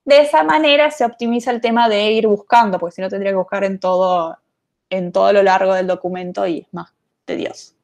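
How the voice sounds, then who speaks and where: A woman's voice: mid-range voice, fairly quick, creaky, darkish tone. A woman giving an online programming lecture, chatty and thinking aloud with many fillers. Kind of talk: online lecture, casual explanation.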